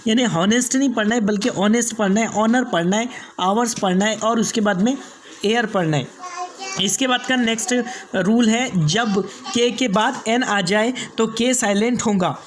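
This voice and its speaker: A man's voice: sits high, normal speed. A man who hosts a teaching channel, giving a spoken lesson. He repeats each rule, asks and answers his own questions, and spells words out letter by letter. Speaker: English teacher and channel host.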